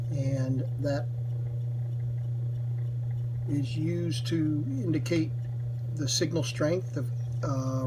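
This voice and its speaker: A man talks through a hands-on demonstration in a small workshop. His voice sits slightly high and moves slowly, with deliberate, halting phrasing. A noticeable electrical hum runs under the recording. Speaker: demonstrator of a vintage wire recorder. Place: small cluttered indoor workshop. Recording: noisy, with steady electrical hum.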